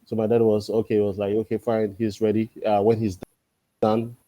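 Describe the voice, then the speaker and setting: A man around forty, a guest in a casual interview, talking thoughtfully and pausing often on drawn-out fillers. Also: on the low side, flat delivery, mellow, dry recording. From Ghana. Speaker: podcast guest.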